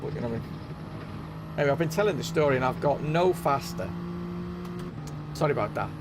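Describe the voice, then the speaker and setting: A man's voice: mid-range voice, expressive, fast, noisy background. A middle-aged man, hosting a live stream and telling a casual anecdote, often checking in with "right?" and "you know what I mean?".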